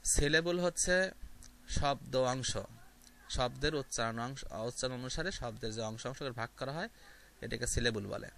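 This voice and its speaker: Male tutor, patient step-by-step explainer with fillers, bright tone. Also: mid-range voice, moderate pace, slight background noise. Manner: step-by-step explaining with frequent fillers and repeated examples. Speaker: English grammar teacher. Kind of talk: explaining grammar lesson to viewers.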